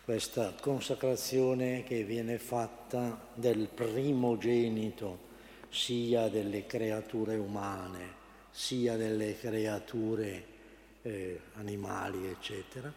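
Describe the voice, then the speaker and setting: A priest preaches a homily slowly and haltingly. He often stops to search for the right word. His voice is dark and mellow, and it rings out in a large echoing church, picked up from a distance. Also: on the low side, fairly even intonation, a little hiss or hum. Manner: unhurried, halting, searching for words.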